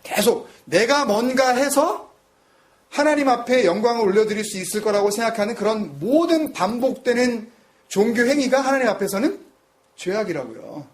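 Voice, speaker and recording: A middle-aged male pastor preaching a sermon in an animated way. He acts out quoted voices, puts questions to the congregation and mixes in English phrases. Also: sits high.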